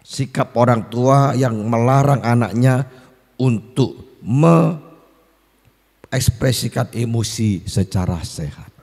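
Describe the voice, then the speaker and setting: A man's voice: mid-range voice, takes it slowly, gravelly, darkish tone, breathy edge. A male pastor, giving a seminar talk to teachers in a school hall and telling stories that act out the voices he quotes. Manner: storytelling, acts out quoted voices. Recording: echoey hall.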